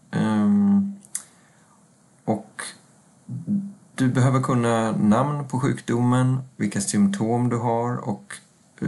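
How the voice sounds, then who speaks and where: Low, gravelly-voiced male language teacher. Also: darkish tone. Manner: slow, careful, with frequent hesitation sounds; repeats phrases for learners to say after him. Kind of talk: lesson for language learners.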